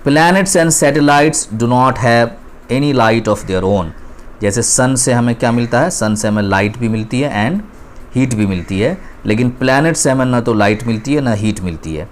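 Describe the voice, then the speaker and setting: A male teacher reads a class textbook aloud slowly in English, then explains each line in casual Hindi. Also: medium pitch, a little hiss or hum.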